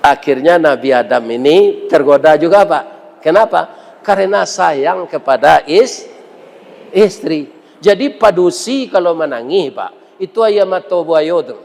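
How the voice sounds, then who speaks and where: Male preacher, high voice, slow jokey delivery, long mosque-hall echo. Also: lively intonation, vocal fry, darkish tone. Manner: jokey, teasing the audience with questions. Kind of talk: humorous sermon with storytelling.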